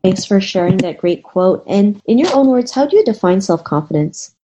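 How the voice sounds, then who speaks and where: A woman's voice: mid-range voice, lively intonation, moderate pace, warm tone, slight background noise. A woman hosting an interview podcast, who keeps thanking and affirming her guest. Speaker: podcast host.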